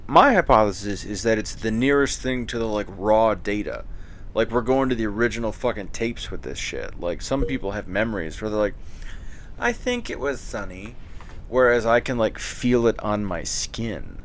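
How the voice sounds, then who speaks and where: Low voiced guy riffing late at night, swearing a lot, voice jumps all over, faint hum behind. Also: big pitch swings, normal speed. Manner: rambling, profane, jokey. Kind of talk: casual late-night chat.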